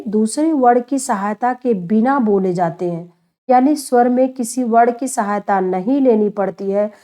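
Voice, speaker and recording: A woman's voice: medium pitch, dark tone. A woman teaching a grammar lesson, often asking a question and then answering it herself, and often calling her listeners children. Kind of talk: online Hindi grammar lesson.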